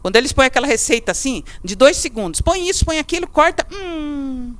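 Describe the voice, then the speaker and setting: A middle-aged Brazilian woman teaches a lively class in a fairly high voice. She talks chattily, keeps asking her students questions and acts out what they say. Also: fairly quick, no echo. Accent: Brazilian Portuguese.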